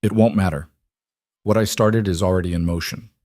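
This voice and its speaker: A man's voice: low-pitched, fairly even intonation, brisk, a little mellow, no room sound, studio quality, natural voice. A man voicing a bitter, scheming male traitor who taunts his captors in a spoken story. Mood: menacing. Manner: spiteful and taunting.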